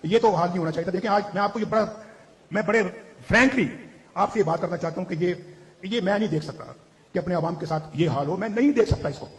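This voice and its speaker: A politician addresses a crowd in a public speech, turning often to ask his listeners rhetorical questions. His voice sits high and he speaks quickly.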